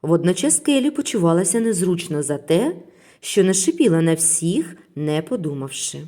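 A woman narrating a children's story in a gentle, expressive reading voice. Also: fairly low pitch, moderate pace.

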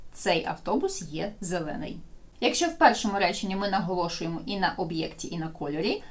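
A woman teacher leads a video lesson, her voice animated and bouncing through a wide pitch range. She explains rules, then slows right down to model phrases for learners to repeat. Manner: explains in Ukrainian and slowly models English phrases for repetition. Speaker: English teacher.

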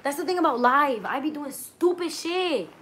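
Speaking at a normal pace with an animated, high and somewhat bright voice, a young woman of Dominican heritage runs a casual livestream from her bedroom at night, bundled in a blanket. She reads viewer comments, chats in slang and swears freely, recorded on a webcam or phone at arm's length.

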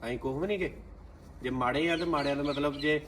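A man's voice: on the high side, quick pace, a bit bright, a little hiss or hum, close to an everyday voice. An actor playing a young nephew who speaks to his aunt in a hurt, reproachful way, with a Punjabi accent. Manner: reproachful, pleading. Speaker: actor in a family drama. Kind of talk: scripted short film acting.

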